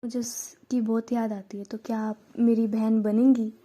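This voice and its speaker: Woman doing a smooth-talking young man. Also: a little high, little pitch movement, moderate pace, mellow, natural voice.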